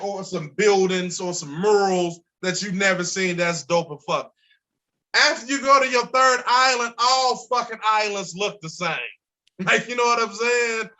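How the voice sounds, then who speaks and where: A man in his forties from Chicago, an insurance broker guest talking casually and emphatically on a podcast, swearing freely. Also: sits high. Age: 40s. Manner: emphatic, profane, animated storytelling.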